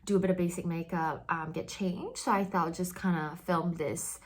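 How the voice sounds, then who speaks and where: Young woman vlogger, chatty and rambling, lowish voice. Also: steady tone, normal speed. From Singapore. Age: young adult. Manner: chatty, many fillers like "like" and "you know". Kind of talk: casual talk while getting ready.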